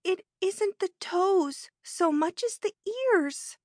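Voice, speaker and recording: A woman voicing a small, timid, anxious young piglet with a squeaky voice in a children's storybook reading. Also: slow. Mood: earnest.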